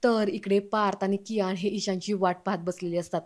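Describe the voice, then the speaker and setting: A woman narrating a TV serial recap in a steady, recounting manner. Her voice is middle in height and notably flat, with little rise and fall. She keeps an even storytelling flow throughout. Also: mid-range voice, a little fast.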